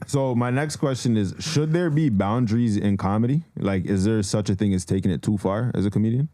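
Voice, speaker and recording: A man's voice: lowish voice, a little fast, warm tone, no echo, studio quality. A man hosting a podcast, asking questions and steering a casual chat. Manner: asks questions, steers the talk. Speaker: podcast host.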